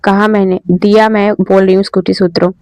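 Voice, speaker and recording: A woman's voice: mid-range voice, flat delivery, a little fast, warm tone, no room sound, natural voice. A woman voicing a strict, irritated female college teacher who scolds sternly. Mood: angry scolding.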